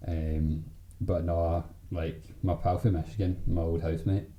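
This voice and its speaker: A man's voice: low voice, little pitch movement, unhurried, dark tone. A man with a broad Scottish accent, chatting casually in slang and swearing as he shares anecdotes. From Scotland. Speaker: podcast host. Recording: roomy echo with background noise.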